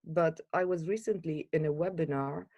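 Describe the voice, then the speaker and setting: A woman from Iraq, a guest in an interview, speaking earnestly and hesitantly with many pauses and fillers. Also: sits low, darkish tone, dry recording, muffled recording.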